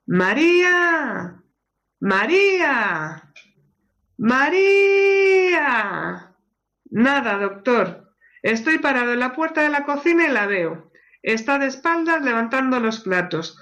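Lady playing a fretful husband on the phone, anxious and raised up high, radio joke. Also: expressive, normal speed, muffled recording. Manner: calls out loudly, anxious. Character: worried husband, middle-aged man, anxious and earnest.

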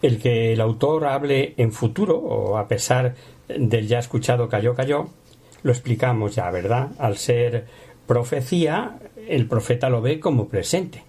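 Husky man explaining scripture. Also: medium pitch, lively intonation, unhurried, dark tone. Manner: conversational, asks rhetorical questions. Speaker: Bible teacher. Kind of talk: explanatory Bible commentary.

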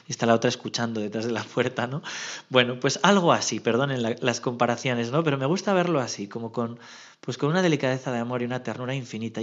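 Chatty Spanish priest telling stories. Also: male voice, on the high side, dull audio. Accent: Spain Spanish. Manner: lively storyteller, adds "¿no?" after nearly every phrase. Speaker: parish priest. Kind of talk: homily with anecdotes.

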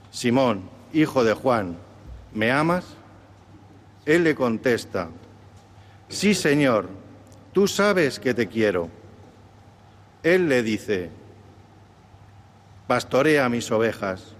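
Solemn deacon in cathedral echo. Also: male voice, medium pitch, big pitch swings. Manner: slow, solemn, measured proclamation. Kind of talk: liturgical gospel reading, partly chanted. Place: large cathedral during a televised Mass. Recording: long cathedral reverb, distant mic.

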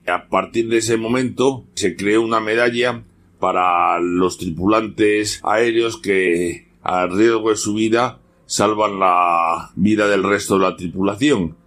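A man appearing as a radio guest, casually retelling a story with relaxed fillers. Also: lowish voice. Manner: relaxed, with fillers like "bueno, pues".

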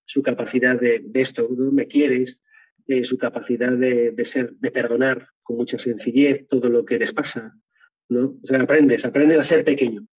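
Husky-voiced man, earnest. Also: medium pitch, fairly even intonation, normal speed, darkish tone, rough recording. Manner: earnest, tags phrases with "¿no?". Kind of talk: interview, faith testimony.

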